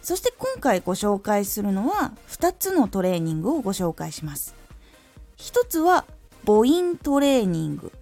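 A former voice actress hosts her audio stream and teaches speech drills in a lively, teacherly way. Her pitch swings animatedly as she stresses key words. She sounds out each vowel with careful, exaggerated articulation over faint background music. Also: normal speed. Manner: lively teacherly delivery with clear articulation demos. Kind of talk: instructional talk on diction.

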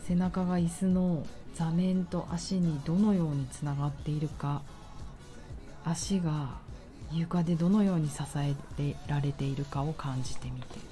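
A low-voiced woman leads a grounding meditation in a dark, relaxed tone. She takes her time, leaving soothing pauses between instructions. Faint music plays behind her. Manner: slow, pausing, soothing delivery. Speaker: relaxation exercise guide.

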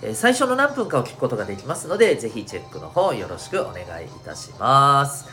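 A man's voice: medium pitch, wildly swooping pitch, quick pace, sharp tone, faint music behind. Very polite man hosting with swooping intonation. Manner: ultra-polite honorific phrasing, presenter-like. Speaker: podcast host and educator addressing students. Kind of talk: monologue podcast in very polite, formal Japanese.

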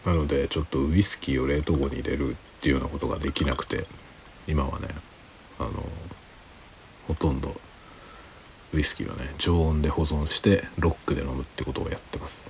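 A tipsy man rambling casually in a hushed late-night solo chat as a livestream host. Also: rumbling low, steady tone, brisk, a little hiss or hum. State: drinking alcohol, tipsy.

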